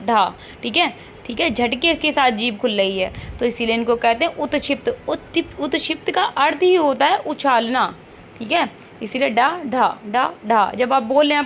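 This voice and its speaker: A woman's voice: sits high, a little hiss or hum. A woman teacher giving an online lesson, patiently repeating each point, modeling sounds aloud and checking in with frequent questions.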